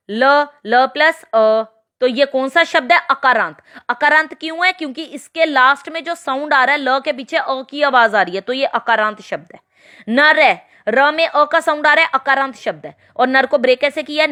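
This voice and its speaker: A woman's voice: high voice, pushed and bright. A woman teaching a grammar lesson to children, spelling out letters step by step and checking with questions. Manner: slow, spelled-out explanations with frequent checking questions.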